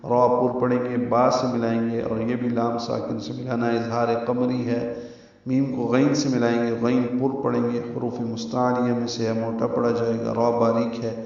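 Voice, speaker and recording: A man teaching Quran recitation rules, methodically sounding out letters and repeating words slowly. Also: medium pitch, completely flat delivery, a little mellow. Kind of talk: tajweed lesson in Urdu. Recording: very echoey, distant, dull sound.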